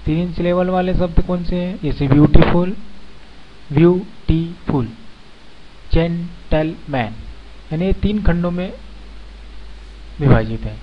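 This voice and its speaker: A man's voice: sits high, moderate pace. A man teaching a beginner English grammar lesson, explaining each point step by step and repeating example words. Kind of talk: slow spoken grammar lesson. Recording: dull lo-fi recording with faint background noise.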